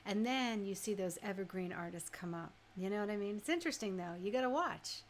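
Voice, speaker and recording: With lively intonation and a slightly fast pace, a woman at medium pitch hosts a radio music show, casually chatting with listeners. She leans on rhetorical questions and tag questions to get them nodding along, and a little background noise is present.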